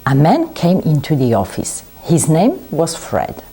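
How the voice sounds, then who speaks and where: A woman reading a classic tale aloud in simple, deliberate phrases for learners. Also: deep voice, huge pitch swings, dark tone, slightly rough. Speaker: library English consultant.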